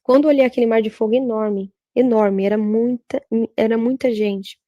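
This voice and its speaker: Halting woman giving testimony. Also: fairly high pitch, fairly even intonation, dark tone, no echo, highs cut off. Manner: halting, repetitive, frequent filler tags. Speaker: church worker giving testimony. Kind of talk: religious testimony.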